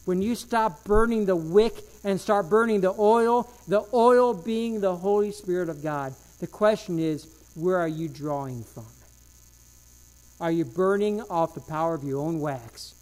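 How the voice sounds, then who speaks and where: A man preaching a sermon with fervent emphasis, repeating key phrases and swinging between loud declarations and hushed asides. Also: sits high, a little slow.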